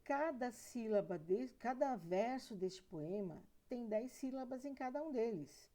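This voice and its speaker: A woman's voice: on the high side, animated, a little slow, dark tone. A female literature teacher with a Brazilian Portuguese accent giving a recorded lesson, explaining step by step, counting syllables aloud and checking in with her students.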